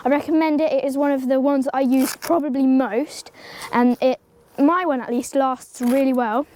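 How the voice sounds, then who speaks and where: The speaker is a teenage girl who vlogs about horse care, explaining grooming in a loose how-to style at an outdoor stable yard with a pony close by. She has a slight cold and a high-pitched but darkish voice, speaking at normal speed with fairly even intonation. Her chatty delivery is full of ums and likes, she talks to the pony, and slight background noise is present.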